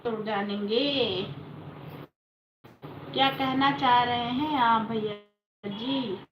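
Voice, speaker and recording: A woman's voice: on the high side, fairly even intonation, takes it slowly, background noise. A woman with an Awadhi Hindi accent hosting a live stream from home, chatting casually with viewers and answering their comments. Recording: roomy lo-fi phone audio.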